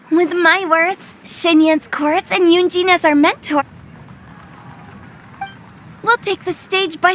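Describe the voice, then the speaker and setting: A woman's voice: very high voice, a bit bright, a little hiss or hum, full character voice. A woman voicing a mischievous young female funeral director in a video game, teasing and sing-song in manner.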